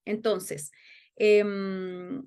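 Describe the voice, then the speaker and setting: A woman's voice: medium pitch, level tone, extremely slow, dark tone, clear, resonant tone. A young woman, teaching a webinar lesson on a video call, explaining patiently and often checking with "ok?". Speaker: yoga and Sanskrit phonetics teacher.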